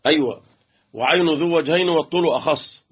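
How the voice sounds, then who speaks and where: Chanting letters and asking his students questions, a man with an Egyptian accent teaches the rules of Quran recitation in an interactive tajweed session. His fairly high voice has a breathy edge and a quick pace, carried on a tinny phone-like line.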